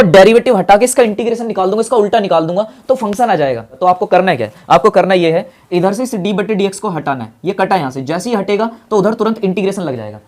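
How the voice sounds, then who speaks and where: A male maths teacher talks through a lesson at a brisk, rapid clip. He asks questions aloud and answers them himself, and calls his students brother in a friendly way. He repeats the key steps to drive them home. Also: high voice, a little mellow.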